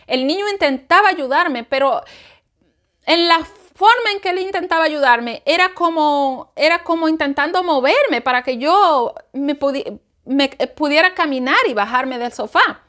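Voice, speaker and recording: A woman's voice: high-pitched, lively intonation, moderate pace, a bit bright. A woman giving an emotional personal spiritual testimony, often repeating herself and acting out her own cries for help. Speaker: testimony speaker.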